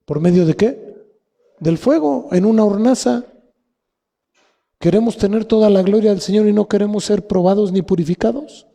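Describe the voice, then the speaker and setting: A man's voice: high voice, normal speed, creaky, long pauses, dark tone. A man with a Mexican Spanish accent preaching a sermon as pastor, asking the congregation rhetorical questions. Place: church hall. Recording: long hall reverb.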